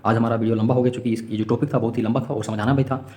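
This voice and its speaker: A man rattles through a grammar lesson for exam students at a brisk clip. His pitch sits in a middle range. He repeats each example and keeps asking his listeners rhetorical questions. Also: flat delivery, dark tone. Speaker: teacher.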